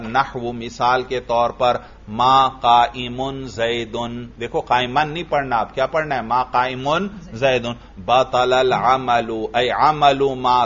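A man with an even, mid-pitched voice gives a classroom grammar lesson, chanting lines of text slowly before explaining them. He keeps turning to his students with quick questions. The recording is dull and lo-fi. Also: slight background noise. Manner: reads Arabic text in a slow chant, then explains it, asking students questions. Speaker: teacher of Arabic grammar.

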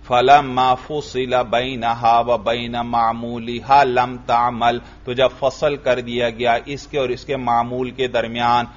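A man teaching Arabic grammar in a classroom lesson, reading the text in a slow chant and then explaining it and quizzing his students. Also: medium pitch, level tone, highs cut off.

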